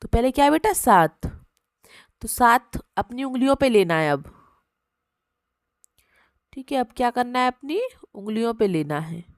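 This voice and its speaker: A woman's voice: a little high, expressive, no echo. Patient Hindi-speaking woman teaching children. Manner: patient, addresses children as "beta", counts aloud slowly. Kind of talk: primary maths lesson for children.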